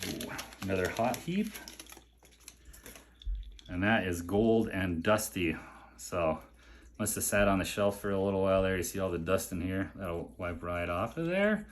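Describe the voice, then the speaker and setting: A man with a deep, low voice talks through an unboxing in a relaxed, admiring way, chatting casually as he goes. A faint hiss sits under the recording. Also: measured pace, long pauses. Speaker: collector showing a mail delivery.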